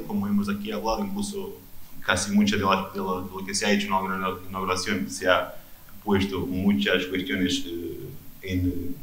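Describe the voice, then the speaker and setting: A keynote speaker gives a conference talk in an echoey lecture hall, hesitant and full of fillers and restarts. His deep voice is a bit bright and comes through a microphone.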